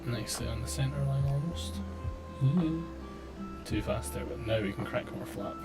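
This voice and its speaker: A man's voice: mid-range voice, moderate pace. A man live-streaming a flight simulator with casual commentary, muttering to himself in a dry, sweary, self-deprecating way. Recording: game stream with clear background music. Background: music.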